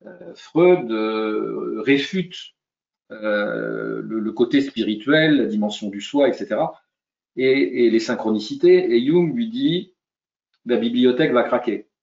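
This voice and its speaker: Slow, soothing man on a video call. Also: medium pitch, creaky, darkish tone. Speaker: guest speaker, coach. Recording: roomy, lo-fi call audio.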